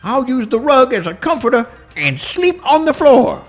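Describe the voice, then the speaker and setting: Radio comedy possum: rustic speech, plaintive, gentle-tempered, extremely high pitch, lively swoops. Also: male voice, normal speed, highs cut off, soft background music, full character voice. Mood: weary, grumbling. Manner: folksy rustic dialect, plaintive. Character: good-natured, put-upon little male swamp possum. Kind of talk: live comic radio play reading.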